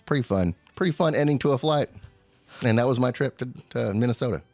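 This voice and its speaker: A man co-hosting a chat show, telling a long, animated travel story in a casual way. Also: a little fast, dry recording, faint music behind. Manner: animated storyteller, mimics a screaming child in high squeals. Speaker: podcast co-host.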